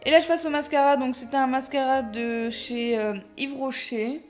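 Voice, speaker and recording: A young woman narrates her makeup tutorial in a casual, rambling way, laughing at herself and stumbling over her words. Her voice sits a little high. Soft music runs quietly underneath. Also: steady tone, normal speed. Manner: chatty, self-deprecating, many fillers and restarts. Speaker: makeup vlogger.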